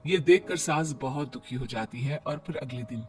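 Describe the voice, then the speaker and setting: A man narrating a cartoon story in a measured storytelling manner. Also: medium pitch, faint music behind.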